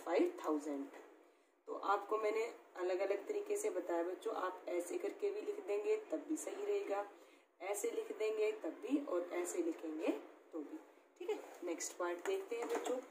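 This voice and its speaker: A woman teacher explaining math step by step, often checking in with her pupils. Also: mid-range voice. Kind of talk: classroom-style math lesson. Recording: echoey room with faint background noise.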